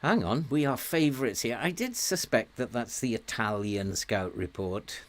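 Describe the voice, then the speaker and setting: A man's voice: medium pitch, animated. A man in his sixties, chatting and chuckling at himself while commenting on a game he plays. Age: 60s. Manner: chuckling, self-mocking, slow and chatty. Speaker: let's play host.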